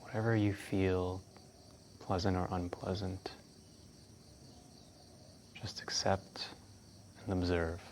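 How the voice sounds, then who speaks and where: A man leading a guided breathwork meditation as instructor, speaking in a calm, hushed, unhurried way with long pauses. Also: low voice, slight background noise.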